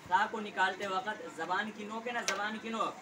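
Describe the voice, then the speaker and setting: A man's voice: high voice, fairly even intonation, moderate pace. A man teaching Quran letter reading, leading a class in call-and-response drills and patiently correcting pronunciation. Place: classroom full of children. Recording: distant mic, loud classroom chatter and noise.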